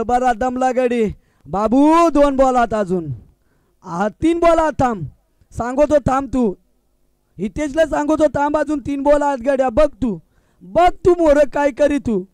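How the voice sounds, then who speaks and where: A man's voice: extremely high pitch, darkish tone, no room sound. A man doing live commentary at a local cricket match, teasing the players in playful banter. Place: outdoor local cricket ground.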